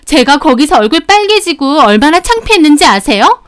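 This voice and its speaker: A woman voicing a furious, entitled young woman customer who shrieks sharp accusations down the phone. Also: high-pitched, big pitch swings, a little fast, voice pushed up. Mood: shrill, furious.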